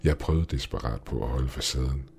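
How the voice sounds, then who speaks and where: A man narrating a scripted horror story in a measured, dramatic way. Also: extremely low pitch, gravelly, a little mellow. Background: faint music.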